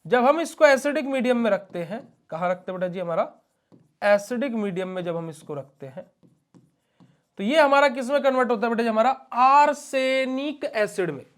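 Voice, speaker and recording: A man's voice: extremely high pitch, animated, normal speed. A young man giving a classroom pharmacy lecture, asking questions of his students and answering them himself.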